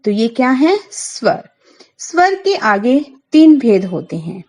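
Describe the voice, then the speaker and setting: A woman's voice: fairly high pitch, very animated, measured pace, a little mellow, poor audio. A woman teacher giving a grammar lesson to schoolchildren, asking the class questions and then answering them herself, and spelling out the sounds one by one.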